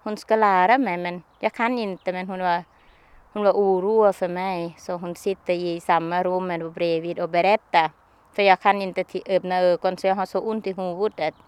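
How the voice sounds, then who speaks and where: A woman being interviewed, recounting a personal experience in halting, simple sentences with frequent restarts. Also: fairly low pitch, steady tone, darkish tone, clear, resonant tone, no room sound.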